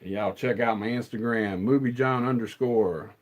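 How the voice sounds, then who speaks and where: A man's voice: medium pitch, moderate pace. A middle-aged man, hosting a rambling, casual live stream chat and answering the chat as he goes.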